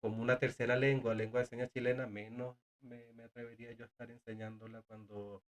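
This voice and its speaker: Here the man speaks quickly in a medium-pitched, level tone. An interpreter of sign language who also teaches deaf students, he is a guest in a casual chat, earnest but full of hesitations and repeated words.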